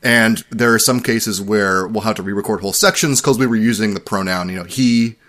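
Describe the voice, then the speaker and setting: A man hosting a casual podcast, chatty and quick to laugh at himself. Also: on the low side, fairly bright tone. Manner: chatty, laughing, self-deprecating. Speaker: podcast host.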